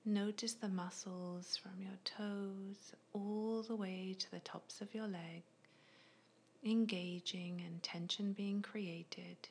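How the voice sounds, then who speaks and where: A woman guiding a progressive muscle relaxation in a soft, unvoiced ASMR whisper, with slow, gentle, soothing instructions. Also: mid-range voice, fairly even intonation, a little hiss or hum. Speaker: relaxation guide.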